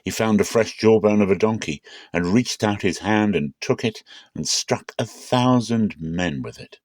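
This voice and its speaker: A man gives a dramatic reading of the Bible, measured, solemn and expressive in his storytelling. His voice is on the low side, and the recording is dry.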